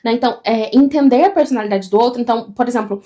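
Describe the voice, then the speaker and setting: A woman, co-hosting a casual live stream from home, talking loudly and expressively. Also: fairly high pitch. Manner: loud, expressive and fast-flowing.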